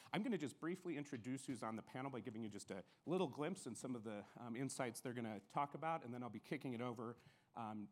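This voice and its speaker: Brisk upbeat man moderating a panel. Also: medium pitch. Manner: brisk and upbeat, with frequent ums. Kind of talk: conference panel introductions. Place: conference plenary stage.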